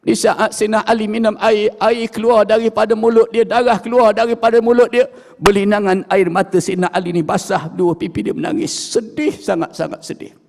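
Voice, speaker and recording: A man with a Malaysian Malay accent tells a sermon story, his voice pitched high with a gravelly edge. He swings from loud and dramatic to hushed. The sound rings with a long echo off a prayer hall. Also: level tone, a little fast. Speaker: preacher.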